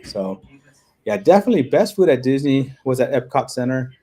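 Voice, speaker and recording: His voice sits mid-range with big pitch swings, a bit fast, mellow and husky. Indoors in a hotel room, the man hosts a laid-back livestream, rambling and repeating words as he reads and replies to comments.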